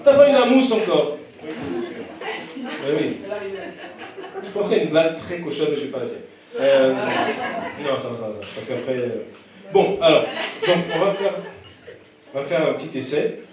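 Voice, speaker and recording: A man's voice: medium pitch, lively intonation, normal speed, long pauses, crowd noise. A man doing live stand-up, teasing and bantering with diners in a comedy club. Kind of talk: live stand-up crowd work. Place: comedy club during dinner service. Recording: echoey room, distant mic, audience.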